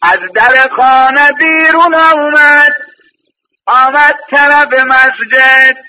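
A male preacher delivering an impassioned, chanted religious lament to mourners in a hall, often shouting and repeating calls to listen. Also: very high-pitched, fairly even intonation, muffled recording, a little hiss or hum.

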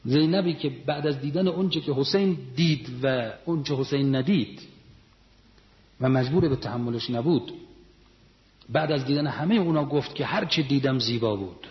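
A man giving a religious sermon, telling stories and rising to emphatic peaks. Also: medium pitch. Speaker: religious lecturer. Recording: muffled sound in a reverberant hall.

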